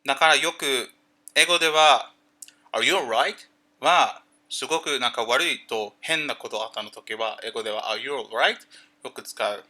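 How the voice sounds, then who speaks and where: A man chatting casually on a livestream, greeting viewers and explaining things haltingly with many fillers. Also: medium pitch, sharp tone. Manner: greets chat viewers by name.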